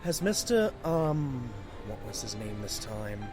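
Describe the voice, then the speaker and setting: A man's voice: medium pitch, sing-song, slow pace, music in the background. A man voicing a hot-tempered pony doctor, a detective's sidekick, blustering and exasperated, in a cartoon audio drama. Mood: wry.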